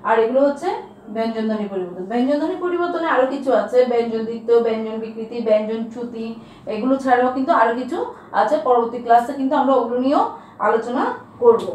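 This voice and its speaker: A woman teaching a grammar lesson to students, who asks questions and answers them herself while repeating key terms slowly. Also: a little high, darkish tone, heavy reverb, far from the mic, a little hiss or hum, low-quality recording. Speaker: school teacher.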